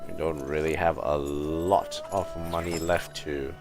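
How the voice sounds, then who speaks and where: This streamer's bass voice holds a measured pace with little pitch movement. He offers relaxed commentary on a video game during a livestream, frequently muttering under his breath, with the game's music playing behind him.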